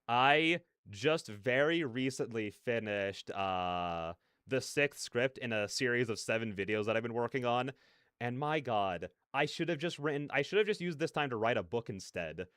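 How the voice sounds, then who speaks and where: A livestream host with a smooth, clear, mid-range voice and a fairly bright tone talks casually to his stream, rambling in a scattered, self-interrupting way and filling gaps with playful nonsense sounds. The sound is dry and close with no echo, though he's in a large, fairly empty room lined with soundproofing panels.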